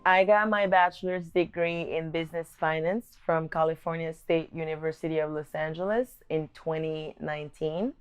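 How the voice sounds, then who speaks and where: Over soft background music, a young Congolese vlog host from the DRC reflects on her upbringing to camera. Her low-pitched voice is steady, clear and resonant, and she talks earnestly and thoughtfully in a measured way, sometimes restarting.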